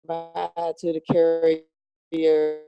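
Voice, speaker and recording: A woman's voice: low voice, monotone, drawn-out words, clear, resonant tone. A woman asking a question on a group call while her audio breaks up and drops out, leaving words cut off mid-sentence. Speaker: caller in a business Q&A. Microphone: remote call line. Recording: muffled, dry call audio.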